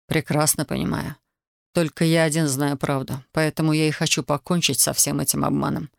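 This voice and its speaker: An ardent young soldier, read by a woman, who presses hard and broods, his voice pitched somewhat low. The recording is dry and close, with no room sound. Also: flat delivery, brisk, gravelly, no room sound. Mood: cold. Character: young man, ardent soldier, intense and bitter.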